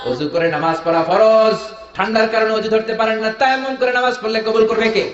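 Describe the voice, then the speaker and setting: A man with a Bangladeshi Bengali accent preaching a sermon, jokey and animated, firing rhetorical questions at the crowd. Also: sits high, fairly quick. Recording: echoey hall, dull lo-fi sound.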